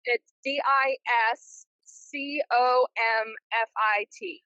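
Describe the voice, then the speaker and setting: Woman co-host on a speakerphone line, higher voice, dull lo-fi sound, hesitant. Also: fairly even intonation, slow pace, bright, forceful tone, smooth, no room sound. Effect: heard over a phone on speakerphone. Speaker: podcast co-host calling in. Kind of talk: casual chat.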